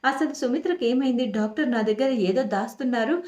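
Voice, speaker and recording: A woman's voice: high-pitched, fast, a little mellow, close to an everyday voice. A woman voicing a shaken older father. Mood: insistent, shaken. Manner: insistent, bewildered questioning. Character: shaken older father-in-law demanding the truth. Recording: echoey room.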